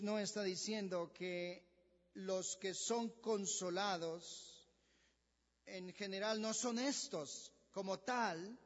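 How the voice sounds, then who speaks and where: A pastor preaches with a high voice and an unhurried, emphatic delivery, acting out each story. The sound is dull, with a long echo from the church hall. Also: male voice. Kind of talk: sermon. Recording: dull, echoey hall recording.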